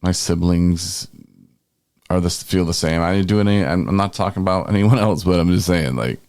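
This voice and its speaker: A man hosts a podcast in a very low voice with a gravelly edge of vocal fry. He chats casually and rambles along in loose, conversational phrases. The recording is dry and close. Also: normal speed, a little mellow, no echo. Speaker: podcast host. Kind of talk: casual chat.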